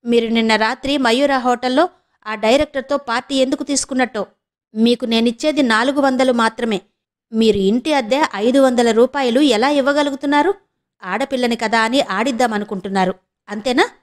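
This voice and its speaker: Firm protective elder sister, pressing questions, bright high voice, read by a woman, audio story. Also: brisk, close to an everyday voice. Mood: angry.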